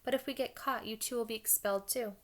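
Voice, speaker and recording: A woman's voice: a little high, steady tone, quick pace, pitched above the performer's own voice, lightly acted. Woman doing a pushy young schoolboy wizard, urgent and insistent, storybook voice. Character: determined, frantic schoolboy wizard.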